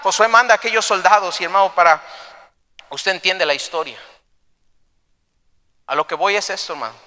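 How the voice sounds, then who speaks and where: Brief: fervent male pastor, bright, ringing church sound. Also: sits high, normal speed, big-room sound. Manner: impassioned, dramatic storytelling. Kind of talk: sermon.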